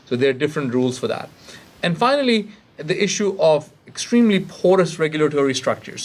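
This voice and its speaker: Analytical man explaining on a panel. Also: mid-range voice. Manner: analytical, poses rhetorical questions.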